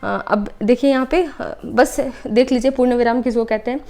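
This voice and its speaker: Teaching an exam-prep class, this young adult woman speaks at a fairly high pitch with a slightly mellow quality. She breaks things down step by step, goes over points again, and frequently asks "okay" to check in.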